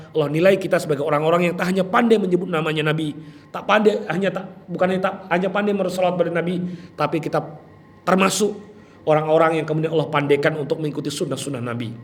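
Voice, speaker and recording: A man preaching a religious study session, lively and joking, often addressing his listeners directly. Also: a little high. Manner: lively, jokey, keeps addressing listeners with "Pak". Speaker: Islamic preacher. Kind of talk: sermon.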